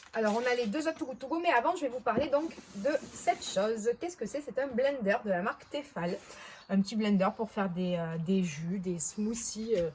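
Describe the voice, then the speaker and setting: A woman's voice: fairly high pitch, slight background noise. A woman with a Marseille accent chatting casually to camera as a vlogger, hesitant and often correcting herself. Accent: Marseille French. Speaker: vlogger reviewing bargain hauls.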